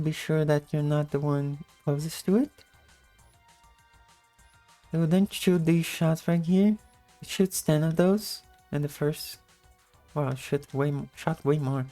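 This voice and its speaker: A woman with a low-energy, just-woke-up morning voice giving a casual gameplay tutorial in commentary style. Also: warm tone. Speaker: video game guide narrator.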